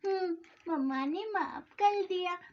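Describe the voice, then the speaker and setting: A woman's voice: very high-pitched, unhurried, slight background noise. A woman voicing a timid little girl with a childlike lisp, whiny and pleading, in a storybook doll-play story. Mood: happy. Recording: dull lo-fi sound.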